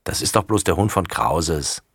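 A man's voice: low voice, animated, normal speed, creaky, a bit bright, slightly rough, no echo, clean studio sound, full character voice. A man voicing a teasing, doubtful boy in a children's story. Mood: skeptical.

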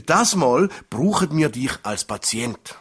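Children's radio play doctor: patient, instructive, Swiss German accent, husky and animated. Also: male voice, medium pitch, takes it slowly, exaggerated voice. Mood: friendly, instructive. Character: kindly, instructive male doctor teaching first aid to children. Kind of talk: children's audio drama.

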